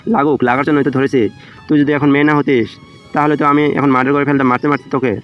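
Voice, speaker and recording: Man acting possessive angry young lover, romantic story, threatening, flat intonation, dull lo-fi recording. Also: medium pitch, fast talker, close to an everyday voice. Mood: furious, threatening. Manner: vengeful, passionate, threatening. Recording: dull lo-fi audio under music.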